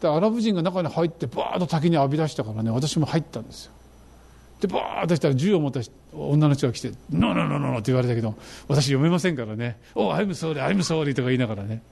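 Animated middle-aged Japanese pastor preaching. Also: male voice, medium pitch, very fast. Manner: animated, rising to fervent emphasis. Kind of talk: sermon with travel slides.

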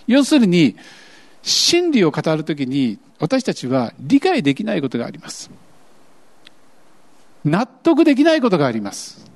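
A man preaching a sermon as pastor, acting out grumbling voices as he tells it, with a lilt. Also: high voice. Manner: animated, acts out quoted grumbling voices.

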